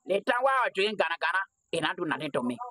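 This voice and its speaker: A noisy outdoor recording of a comedy skit. A man in his thirties acts out an aggrieved Liberian patient craving food and beer, whining and exclaiming with pitch that swoops up and down. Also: lively intonation, very fast. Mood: indignant. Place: outdoors in a grassy yard. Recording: noisy outdoor phone-video sound.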